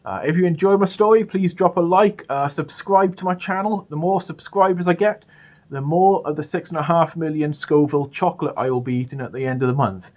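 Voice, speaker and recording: Speaking a little fast in a slightly high, mellow voice, a British channel host and storyteller recounts a personal story in a relaxed way. He stammers and repeats himself often, and the audio is dull.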